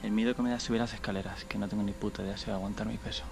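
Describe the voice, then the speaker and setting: A young man with a Spain Spanish accent, narrating as he carefully explores an abandoned building, often talking low and cautiously. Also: flat delivery, racing, creaky, over music. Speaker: urban explorer vlogger. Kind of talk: casual vlog narration. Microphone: action camera.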